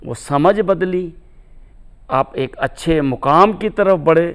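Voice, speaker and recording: A middle-aged man with a slightly high, smooth and resonant voice. He speaks as a cartoonist guest in a reflective interview. His phrasing is lofty and philosophical, and he drops in recited couplets. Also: slow.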